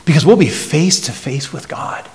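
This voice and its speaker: A man preaching a sermon as pastor, earnest and emphatic, swinging from loud stresses to hushed near-whispers and often repeating words as he restarts. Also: a little high, expressive, normal speed. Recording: long hall reverb.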